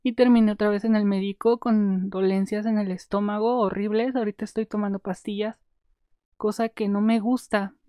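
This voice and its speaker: A young Mexican woman talks straight to her viewers in a casual advice vlog, candid and chatty, now and then playing out her own inner voice. Her tone is dark and mellow, and the recording is close and dry with no room sound. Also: medium pitch, steady tone, normal speed, dry recording. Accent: Mexican Spanish. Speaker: vlogger. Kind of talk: casual advice talk to camera.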